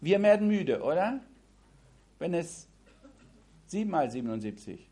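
A man's voice: fairly high pitch, very animated, measured pace, dark tone. A man giving a Bible study sermon, reading scripture aloud and then commenting on it in a conversational way. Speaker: preacher.

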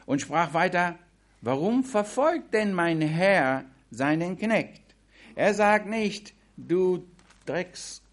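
A man's voice: high-pitched, lively intonation, slow. A man giving a Bible study sermon, reading scripture aloud and then commenting on it in a conversational way. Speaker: preacher.

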